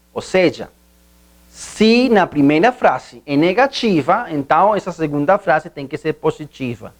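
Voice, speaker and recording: A language teacher giving an online grammar lesson, patiently explaining and repeating points with rhetorical questions to viewers. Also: medium pitch.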